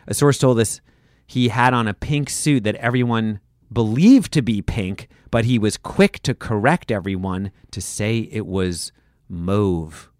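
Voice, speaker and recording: A man's voice: lowish voice, a little slow, no room sound, clean studio sound. A man co-hosting a podcast, chatting casually and jokingly about celebrity gossip. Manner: playful, jokey, reads gossip items. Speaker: podcast co-host.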